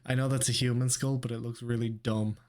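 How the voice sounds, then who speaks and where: A man's voice: mid-range voice, level tone, brisk, a little mellow. A man giving casual, blunt, sweary reaction commentary as a streamer. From Ireland.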